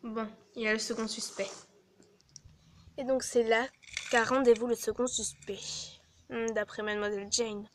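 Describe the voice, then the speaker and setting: Une jeune femme qui mène l'enquête et livre un monologue intérieur, d'une voix douce, feutrée et songeuse. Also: female voice, fairly high pitch, little pitch movement, moderate pace, pauses often, slight background noise. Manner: soft, hushed, musing. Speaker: amateur detective heroine. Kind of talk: inner monologue narration.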